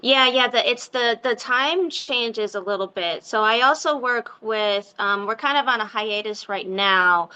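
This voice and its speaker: A woman with a very clear, bright voice that has the sweetness of a cartoon princess. She talks in a chatty, expressive way, as a guest in a relaxed interview. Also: on the high side, lo-fi sound. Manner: chatty, expressive, quick to laugh. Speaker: podcast guest, mermaid performer. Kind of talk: casual interview chat.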